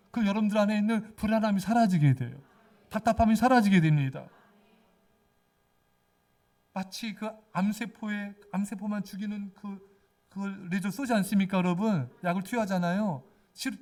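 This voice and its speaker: Fervent high-voiced male pastor preaching. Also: brisk, darkish tone, far from the mic. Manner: fervent, exhorting, repeatedly addresses the congregation. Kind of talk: sermon.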